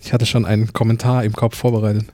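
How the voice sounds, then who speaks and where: A man's voice: fairly low pitch, flat delivery, quick pace, a little mellow, no echo. A man hosting a tech podcast, chatty and joking as he steers the talk. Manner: chatty, jokey, leads the discussion. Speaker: podcast host. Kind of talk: casual tech podcast chat.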